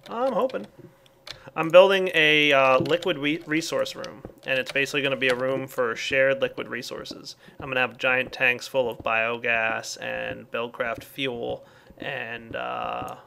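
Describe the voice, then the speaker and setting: A man's voice: mid-range voice, fairly even intonation, measured pace, creaky, bright, forceful tone, slight background noise. A man casually commenting on his game as he plays, thinking aloud with lots of fillers. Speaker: let's play host.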